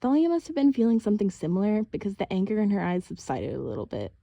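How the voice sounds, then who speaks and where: A woman's voice: mid-range voice, big pitch swings, fast talker, gravelly, warm tone, no room sound. A woman narrating an audiobook in a casual, first-person storytelling manner.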